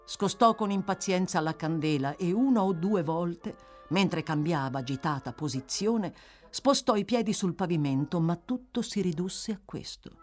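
A woman narrates a novel aloud with a dramatic, expressive delivery. Her pitch moves in a lively, animated way through the scripted narration. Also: moderate pace, faint music behind. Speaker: audiobook narrator.

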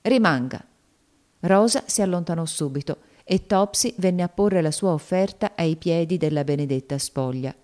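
A woman narrating a novel in a measured, solemn audiobook reading. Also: fairly low pitch, warm tone.

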